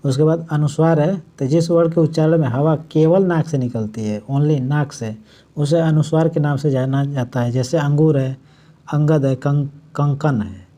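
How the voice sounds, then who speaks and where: A man teaching a Hindi grammar lesson for exam prep, explaining step by step, restating points and slowly drawing out the example words. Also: a little high, steady tone, warm tone.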